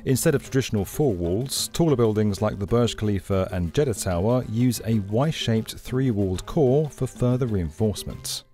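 A man giving scripted documentary narration in a clear, explanatory, lightly conversational way, recorded as a studio voice-over. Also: fairly low pitch, expressive, moderate pace, few pauses, mellow.

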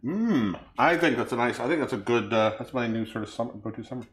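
A man's voice: medium pitch, animated, fast, roomy sound, a little hiss or hum. A man co-hosting a cooking and drinks show, chatting casually as he mixes a cocktail, often trailing off and correcting himself. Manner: rambling, self-correcting, chatty. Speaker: co-host mixing cocktails. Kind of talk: casual chat.

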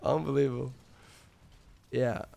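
Sick, gravelly-voiced male streamer. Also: mid-range voice, fairly even intonation, a little slow, dark tone. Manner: rambling, filler-heavy, greets chat. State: sick, hoarse voice. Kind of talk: casual live-stream chat.

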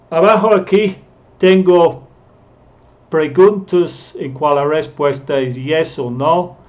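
Slow, deliberate male English teacher. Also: fairly high pitch, a little mellow. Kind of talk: grammar lesson explained in Spanish.

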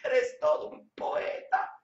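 A man voicing a calm male puppet sweetheart who reassures earnestly. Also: slow pace, close to an everyday voice. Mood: soothing. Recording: roomy, distant, dull sound.

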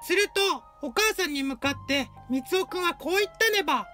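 Voicing a cheerful, cutesy mascot, a woman narrates short stories and adds a cute verbal tic to the end of every sentence. Her voice is very high with lively intonation at a normal speed. The mood is upbeat, with light music playing behind her.

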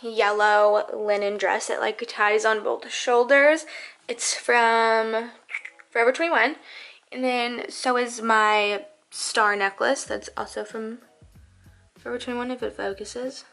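A woman's voice: fairly high pitch, slow, a bit bright, soft background music. A young woman in her twenties, chatting casually to camera in a lifestyle vlog, bubbly and full of "like" fillers. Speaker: beauty and lifestyle vlogger.

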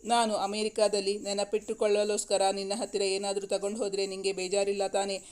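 A woman's voice: medium pitch, monotone, fairly quick, a little mellow, close to an everyday voice. Woman voicing a tender young lover Virat. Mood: soothing.

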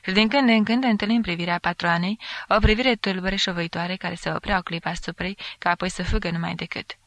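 An audiobook narrator reading a classic novel aloud in a steady literary reading style, now and then lifting the voice to act out shouted lines. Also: medium pitch, no echo. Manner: acts out quoted shouts with a raised voice.

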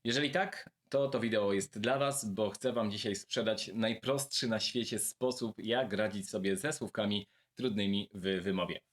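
Man, language teacher, video lesson, friendly, addresses viewers, drills words by repetition. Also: on the low side. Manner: demonstrates pronunciation by repeating words slowly.

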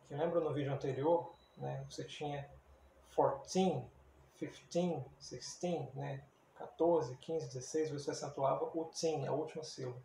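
A man from Brazil teaches in a relaxed, unhurried way and repeats each word for practice. His voice is slightly high, with a gravelly edge and a mellow tone. He is recorded in an echoey room with faint background noise. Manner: slow, deliberate, repeats words for drilling. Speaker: English teacher. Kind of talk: casual spoken lesson.

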